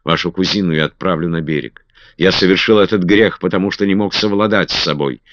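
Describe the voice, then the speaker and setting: A man's voice: low-pitched, a little fast, fairly bright tone, no echo, pitched above the performer's own voice. A man playing a Spanish nobleman who speaks gallantly and hurriedly, pleading his case, on a dull, dry recording. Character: Spanish nobleman, smooth seducer turned sheepish.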